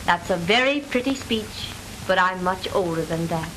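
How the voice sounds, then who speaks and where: An actress playing a sensible, gently discouraging secretary with measured delivery in stagey 1920s comedy film style. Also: female voice, fairly low pitch, lively intonation, lightly acted. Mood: gentle, sensible. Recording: noisy, hissy 1920s film soundtrack.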